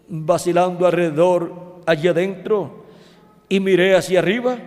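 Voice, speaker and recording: A fairly high-voiced man preaching a sermon at a deliberate, unhurried pace. He speaks haltingly, breaking off words and restarting them. His voice rings out with the long echo of a big hall. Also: a little mellow. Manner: halting, with restarts and self-corrections. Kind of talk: sermon, retelling a dream account. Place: church hall. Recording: long reverb of a large hall.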